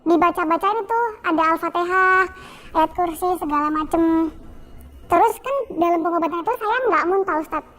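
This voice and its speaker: A young woman guest telling her own story in a halting, repetitive way with many fillers. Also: very high voice, fairly bright tone. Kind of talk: personal testimony.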